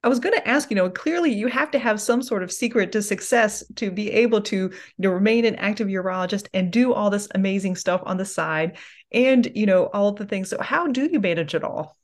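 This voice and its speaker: A woman's voice: mid-range voice, brisk. Upbeat woman hosting a podcast. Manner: enthusiastic, upbeat. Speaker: podcast host. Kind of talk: interviewing a guest.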